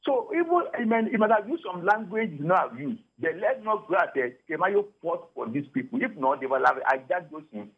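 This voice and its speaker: A man's voice: high-pitched, very animated, brisk, hardly any pauses, breathy edge. A Nigerian man phoning into a talk radio show as a caller, talking emphatically and often repeating and restarting his phrases. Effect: radio show caller over a phone line. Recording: tinny phone line.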